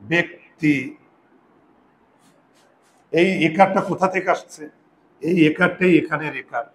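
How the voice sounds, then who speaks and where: A man teaching a grammar lesson slowly and patiently, repeating words and asking his students questions. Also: fairly high pitch, a little hiss or hum, poor audio.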